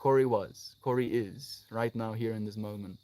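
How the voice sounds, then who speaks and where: This man's voice sits on the low side, warm and at a normal speed, with a dry, roomless sound. He hosts a livestream, chatting casually and effusively with viewers, answering their comments and fondly calling them friends.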